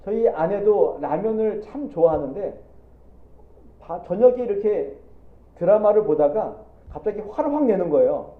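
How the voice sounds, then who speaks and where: A man preaching a Sunday sermon as a pastor, lively and animated, voicing the Bible characters he quotes. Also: high-pitched, moderate pace. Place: church sanctuary. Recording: echoey church, phone-like audio.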